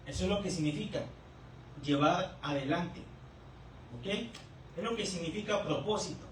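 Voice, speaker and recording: A male pastor preaching a teaching sermon, who keeps checking in with the congregation and repeats key words slowly. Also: sits high. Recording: echoey room, distant mic, faint noise.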